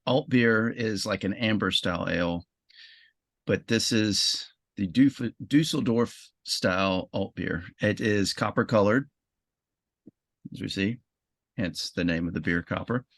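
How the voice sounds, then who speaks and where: A man's voice: on the low side, a little slow. A man co-hosting a casual beer review show, chatting and explaining the beer style. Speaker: co-host.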